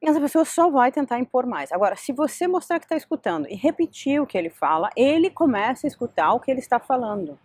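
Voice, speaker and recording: A middle-aged woman casually giving advice in a vlog, telling stories in an animated way. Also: high voice, quick pace, few pauses, breathy edge, no room sound. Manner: lively, animated storytelling with quoted dialogue. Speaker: vlogger.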